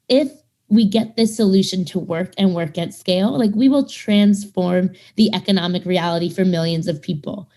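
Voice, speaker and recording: A startup founder in her thirties talks casually in an interview, using lots of fillers and acting out quoted people in chatty asides. Her voice is mid-range with a dark tone.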